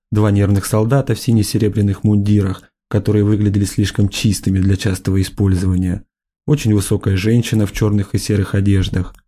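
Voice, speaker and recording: A man narrating a science fiction audiobook in a measured, even reading style. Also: on the low side. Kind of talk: scripted narration.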